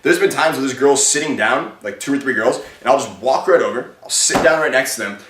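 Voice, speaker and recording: A man's voice: medium pitch, expressive, brisk, a bit bright. A young man giving casual dating advice in a laid-back, chatty way, peppering his talk with "like" and "okay?". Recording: echoey room, mic at a distance.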